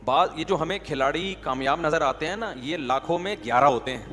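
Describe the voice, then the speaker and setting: A man's voice: a little high, fairly bright tone, long reverb tail, soft background music. A man giving a conversational religious sermon, often asking his listeners questions. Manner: conversational, asks the audience questions. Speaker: religious preacher. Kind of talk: Urdu sermon.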